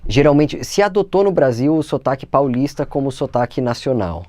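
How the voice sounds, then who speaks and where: A man with a São Paulo Brazilian accent, calmly explaining as a voice actor guest in an interview. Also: mid-range voice, fairly quick, dry recording. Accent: São Paulo Brazilian Portuguese.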